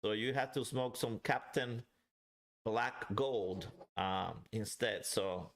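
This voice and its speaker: This man hosts a casual live review and chat, a livestream pipe reviewer speaking chattily straight to his viewers. His voice is lowish and a bit bright, and he talks slowly.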